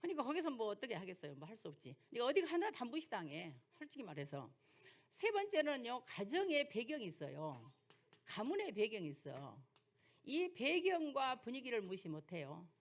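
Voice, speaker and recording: At normal speed, this woman's fairly high voice swoops wildly in pitch. She is an older pastor from Jeolla, South Korea, with a Jeolla accent, delivering a sermon lecture full of folksy personal anecdotes and rhetorical questions.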